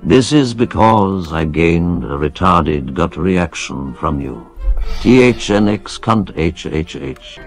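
A synthetic male text-to-speech voice reading donation messages in a flat, deadpan recital. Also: deep voice, slow pace, soft background music.

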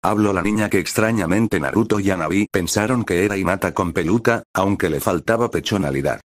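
A man narrating a fan-fiction story with steady reading aloud. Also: sits low, a little fast, no echo, clean studio sound.

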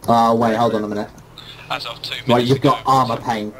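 A man's voice: mid-range voice, little pitch movement, moderate pace, crowd noise, rough recording. A man chatting casually with teammates while acting as a medic in a game. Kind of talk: casual in-game team chat.

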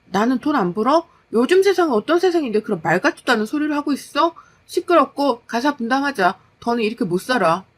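A woman's voice: high voice, very animated, quick pace, hardly any pauses, pitched above the performer's own voice. A woman voicing an exhausted working wife who scolds her husband in exasperation in a story. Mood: exasperated scolding.

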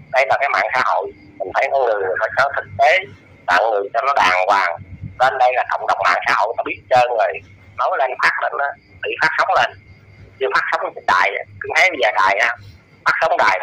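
A man in his eighties with a Southern Vietnamese accent, talking as an interview guest and lecturing in a scolding, preachy way, his pitch leaping up and down. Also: lively intonation, fast, sharp tone, slightly rough, low-quality recording. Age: 80s. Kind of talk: casual lecturing chat.

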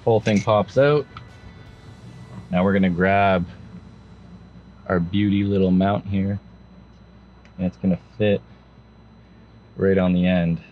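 Here the Canadian vlogger's voice comes across low, and the audio is dull with slight background noise. He talks informally to camera while demonstrating a vehicle install, both in the vehicle and outside under an overpass.

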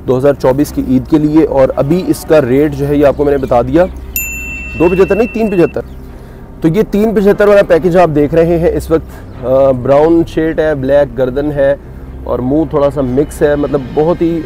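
A man's voice: medium pitch, dark tone. A man giving casual walking vlog commentary while touring a cattle farm outdoors, chatty and joking with his viewers.

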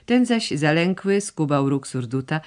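A woman narrating a classic novel as an audiobook, reading with expressive, varied intonation. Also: sits low, measured pace. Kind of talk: scripted literary narration.

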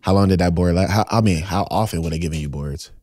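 A young man hosting a casual podcast interview, laid-back and joking, quick to laugh, swearing freely. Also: deep voice, darkish tone, no room sound, clean studio sound. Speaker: podcast host. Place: cluttered garage studio, indoors. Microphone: podcast mic on boom arm.

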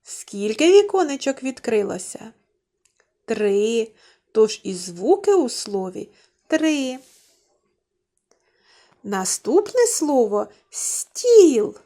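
Teaching little ones, a kindergarten teacher speaks slowly and clearly, asking questions and drawing out words in a sing-song way. The woman's voice is fairly high and mellow, with frequent pauses.

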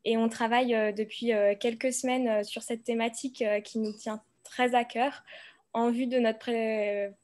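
A woman's voice: fairly high pitch, little pitch movement, moderate pace, a little mellow. A young adult woman, a master's student, presenting her group's project in a friendly, informal way with frequent fillers.

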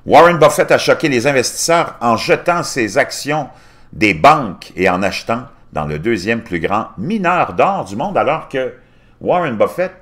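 A middle-aged man with a low voice reads news articles aloud on his home channel, his pitch rising and falling a lot as he goes. He trips over words, restarts them and slips in his own asides between the quoted passages. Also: fairly bright tone. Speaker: YouTube channel host.

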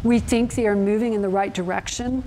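A woman's voice: medium pitch, steady tone, fairly quick, mellow, a little hiss or hum, poor audio. Middle-aged woman explaining steadily outdoors. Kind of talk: news interview. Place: outdoors by a street.

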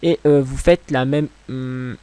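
A man's voice: medium pitch, steady tone, slow pace, dark tone, clear, resonant tone. A young man from France giving a casual, rambling game tutorial commentary, mocking himself and swearing when things go wrong. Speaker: gaming tutorial creator.

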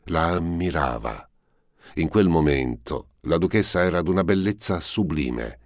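A man narrating a classic novel as an audiobook, measured and dramatic, on a close, dry mic. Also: low-pitched, expressive, no echo. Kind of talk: scripted literary narration.

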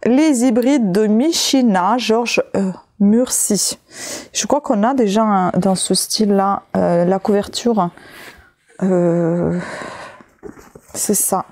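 A soft-voiced woman in a mid-range register goes through a list of found books for a casual haul video. Speaking French with a non-native accent, she moves slowly and hesitantly, leaning on plenty of fillers.

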